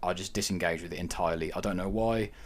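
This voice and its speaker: A man with a lowish voice co-hosts a casual podcast chat. He speaks frankly and opinionatedly, pausing on ums as he thinks aloud. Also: steady tone. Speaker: podcast co-host.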